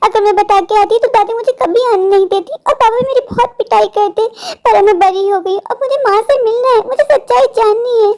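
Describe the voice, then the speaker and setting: A woman's voice: very high voice, fairly quick, a little mellow. A woman voicing a determined little girl who earnestly searches for her mother and keeps talking to herself, in a cartoon story. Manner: earnest, pleading, talks to herself.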